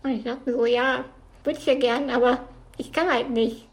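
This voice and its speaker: Higher-voiced woman recounting evenly. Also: fairly even intonation, normal speed, low-quality recording. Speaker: interviewed gamer. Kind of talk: casual personal account.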